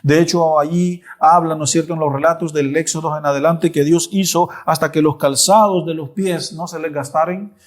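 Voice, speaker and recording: A man preaching a Bible study, telling the story with lively asides. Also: fairly high pitch, normal speed, few pauses. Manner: animated storytelling with repeated asides.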